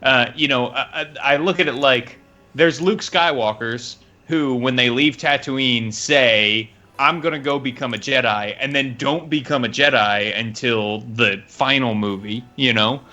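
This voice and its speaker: A man's voice: mid-range voice, a little slow, bright, forceful tone, dull audio. A man chatting casually on a live show, thoughtful and hesitant with fillers.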